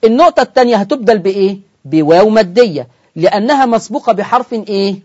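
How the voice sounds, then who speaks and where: A man's voice: high-pitched, animated, fast talker, darkish tone, lo-fi sound. A man with an Egyptian accent hosting a televised Quran recitation lesson, asking the audience questions and answering them himself. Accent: Egyptian Arabic. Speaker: Quran recitation teacher and host.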